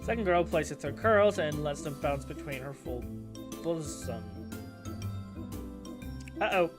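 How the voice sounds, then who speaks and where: A young man streaming a visual novel, reading the narration aloud with animated joking asides. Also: on the high side, slow pace, loud music behind the voice.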